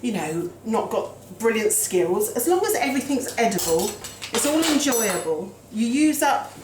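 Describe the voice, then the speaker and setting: A woman's voice: a little high, sing-song, a little slow, roomy sound, background noise. A woman hosting a casual home cooking show, chatty and self-deprecating, talking as she works in her kitchen.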